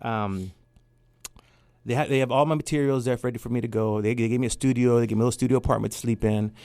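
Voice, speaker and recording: A man's voice: mid-range voice, fast talker, clean tone, no room sound, clean studio sound. A man from California's San Joaquin Valley, a guest artist telling stories in a casual interview and acting out the people he quotes. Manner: animated storyteller, acts out the people he quotes.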